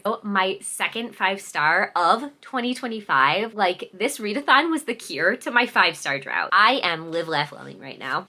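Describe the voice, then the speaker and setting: A woman's voice: lowish voice, sharp tone. A young adult woman chatting casually in a vlog, enthusiastic and full of fillers, sometimes out of breath. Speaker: book vlogger.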